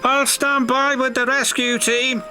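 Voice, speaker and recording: A man's voice: very high voice, lively intonation, a little slow, voice pushed up. A man voicing a small, eager male tank engine who frets and chirps. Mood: cheerful. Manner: fretful, chirpy. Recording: music behind the voice. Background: music.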